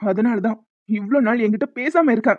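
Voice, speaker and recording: A voice actor playing a hot-tempered young husband in a cartoon, who shouts bitterly and then pleads softly. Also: male voice, high voice, a little fast, no room sound, close to an everyday voice. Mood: angry. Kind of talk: Tamil cartoon voice acting. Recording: dull lo-fi sound.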